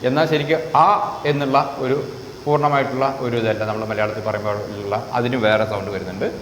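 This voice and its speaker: A man with a Malayali accent teaching a phonetics lesson, repeating example words slowly and asking rhetorical questions. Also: on the low side, steady tone. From Kerala, India. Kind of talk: classroom lesson on English vowel sounds. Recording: echoey room with faint background noise.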